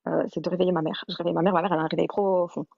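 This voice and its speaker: A woman talks quickly and at a somewhat low pitch as she hosts a live stream and tells her own story. She rambles, backtracks and repeats her words as she goes. The sound is dry, dull and lo-fi. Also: level tone, gravelly, dry recording.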